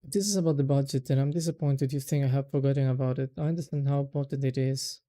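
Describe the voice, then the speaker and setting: A man voicing a polite, composed young female student in a visual novel, speaking calmly and formally. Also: mid-range voice, fast talker, lightly acted.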